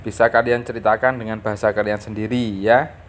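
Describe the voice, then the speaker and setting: A school teacher from East Java, Indonesia, speaks a little fast in a fairly low, flat voice. He reads from a textbook and explains the lesson in a didactic manner, dotting his phrases with little checking tags.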